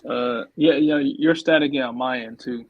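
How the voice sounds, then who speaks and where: A man moderating a live-stream talk, speaking in brief, relaxed remarks over a crackly, staticky phone-like line. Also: medium pitch, normal speed. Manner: brief, relaxed remarks while checking the audio. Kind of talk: casual live-stream chat.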